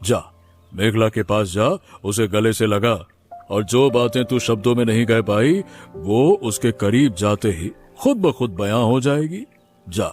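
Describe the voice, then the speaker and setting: A man voicing a kindly, wise neighbour uncle in an animated story, gentle and consoling. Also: fairly low pitch, a little slow, faint music behind. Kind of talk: Hindi cartoon voice acting.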